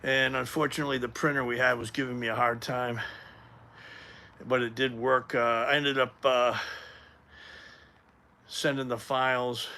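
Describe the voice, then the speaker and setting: A man chats loosely on a live stream, greeting viewers as they show up. His voice is bright and forward, and he rambles with frequent fillers. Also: mid-range voice. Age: 50s. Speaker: livestream host. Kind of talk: casual live stream chat. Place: home gym.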